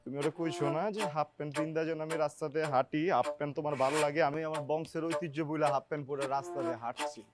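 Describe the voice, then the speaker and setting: Guy acting as a loud cocky old neighborhood lover boy, high voice, talks fast, music under it. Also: steady tone, close to an everyday voice. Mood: aggrieved. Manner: loud, swaggering, bullying. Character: brash lovesick young neighborhood man. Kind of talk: TV drama acting.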